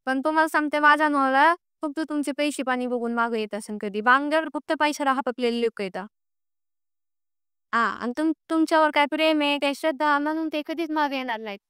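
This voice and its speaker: A young woman on a recorded phone call airs a personal grievance, insistent, aggrieved and pleading, repeating herself in this emotional private conversation. Her voice sits high and a bit bright, fairly quick, captured as clean studio sound with no echo.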